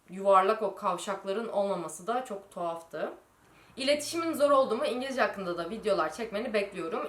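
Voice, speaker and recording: A woman's voice: mid-range voice, a bit bright. Turkish girl vlogging at home, chatty storyteller, echoey room sound. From Turkey. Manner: chatty, storytelling, reads out viewer questions. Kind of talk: casual Q&A vlog.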